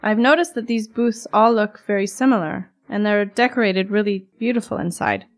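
Speaking at a moderate pace in a mid-range voice, a woman co-hosts a scripted educational podcast dialogue. She poses curious, friendly questions and adds her own notes.

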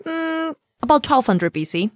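A woman's voice: high-pitched, very animated, a little slow, no echo, clean studio sound. A woman from Cantonese-speaking southern China co-hosting a language lesson in cheerful, playful scripted banter. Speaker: co-host and language teacher.

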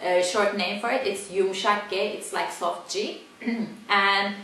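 A woman with a Turkish accent, a native Turkish speaker, teaching pronunciation slowly, repeating each word with many fillers. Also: mid-range voice, steady tone, bright, forceful tone. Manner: slow, repeats words, frequent fillers. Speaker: language teacher. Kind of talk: casual pronunciation lesson. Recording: echoey room.

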